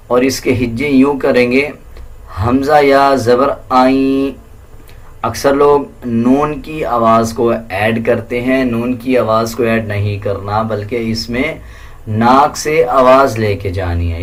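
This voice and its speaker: A man teaching tajweed, explaining the pronunciation rules in a plain, instructive way and then chanting verses slowly in a higher, melodic voice. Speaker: Quran recitation teacher.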